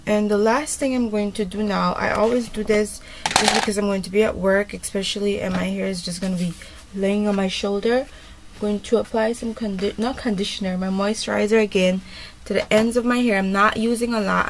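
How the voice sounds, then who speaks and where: A woman's voice: mid-range voice, fairly even intonation, moderate pace, slight background noise. A woman vlogger talking casually through a hair tutorial, rambling with lots of fillers. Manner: chatty and rambling, many fillers. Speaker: beauty vlogger.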